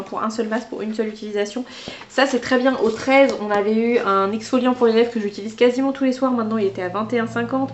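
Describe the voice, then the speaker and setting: A woman's voice: medium pitch, lo-fi sound. A woman vlogger, a teacher by trade, chatting casually and spontaneously as she unboxes small gifts.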